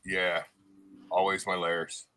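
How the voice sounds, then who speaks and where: A man's voice: sits low, little pitch movement, slow, bright, forceful tone. A man chatting informally as a guest on a livestream. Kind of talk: casual livestream chat.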